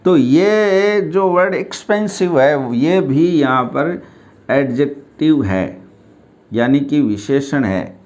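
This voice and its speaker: Slow, patient male teacher. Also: on the high side, lively intonation, a little mellow. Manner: slow, explains step by step and asks questions. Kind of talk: grammar lesson at a board.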